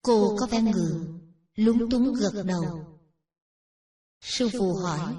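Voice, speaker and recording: A woman narrating a Buddhist teaching story in a measured, plain storytelling manner. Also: medium pitch, mellow. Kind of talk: read Buddhist dharma story. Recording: roomy echo, distant from mic.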